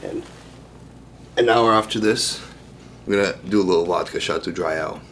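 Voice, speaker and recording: Chatty Ukrainian-born man vlogging with background noise. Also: low voice. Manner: relaxed, chatty, quick fillers and restarts. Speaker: bodybuilder vlogging his contest prep. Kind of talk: casual vlog talk.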